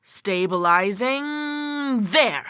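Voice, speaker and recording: A woman's voice: on the high side, lively intonation, very slow, a bit bright, smooth, no room sound, studio quality, full character voice. A woman voicing a scheming female alien disguised as a teacher, bossy and commanding. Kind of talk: amateur audio drama.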